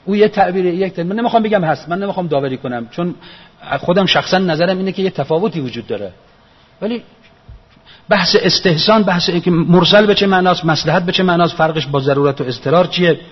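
Husky-voiced man lecturing in an echoey hall. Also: high voice, animated. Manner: earnest, reasoning aloud, repeats key phrases. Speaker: religious lecturer. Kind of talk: religious lecture. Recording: echoey hall, dull lo-fi sound.

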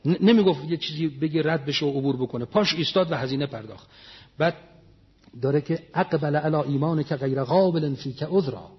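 A man preaching a religious sermon, emphatic, repeating phrases and reciting prayers slowly before explaining them. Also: on the high side, slightly rough, muffled recording.

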